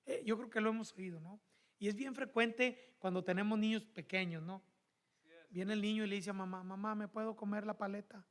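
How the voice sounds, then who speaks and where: A man with a Mexican accent preaching a sermon in church, animated and calling the congregation brothers. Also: high-pitched, normal speed. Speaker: pastor.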